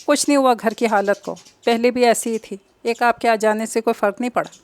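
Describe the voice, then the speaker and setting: A woman's voice: on the high side, fairly even intonation, fairly quick, natural voice. A woman reading aloud, voicing a bold, determined young woman who reassures her older sister firmly. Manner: firm, reassuring.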